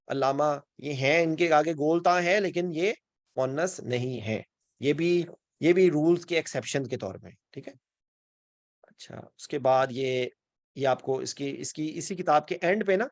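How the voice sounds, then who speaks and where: A Quran and Arabic grammar teacher with a Pakistani Urdu accent gives an online class lecture on grammar in a slightly raised, fairly high voice. He explains step by step, keeps checking in with his students, and slips in English words. The recording is dry and close, with no echo or room sound.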